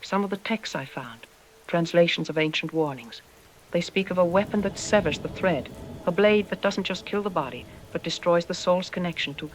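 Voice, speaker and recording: In an apocalyptic audio drama news interview, a man plays a troubled archaeology expert, his high-sitting voice lightly acted, grave and deliberate with ominous pauses. The mood is urgent and ominous, and the rough recording carries a little hiss or hum.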